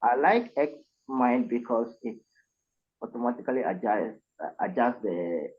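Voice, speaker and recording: A man's voice: medium pitch, animated, a little slow, breathy edge. A man taking part in a workshop, asking questions and commenting hesitantly over a video call. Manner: hesitant, with fillers. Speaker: workshop participant. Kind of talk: casual discussion. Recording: dull video-call audio.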